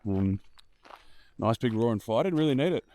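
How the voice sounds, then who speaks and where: A man, just woken up and with a low morning voice, talks in a laid-back, rambling way while walking outdoors in the bush. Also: lively intonation, normal speed, darkish tone. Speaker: 4WD camping vlogger. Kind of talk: casual walk-and-talk vlog.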